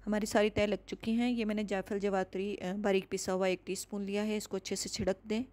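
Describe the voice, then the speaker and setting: This cooking channel host, a woman of medium pitch, narrates a step-by-step home recipe in a calm, measured, instructive way.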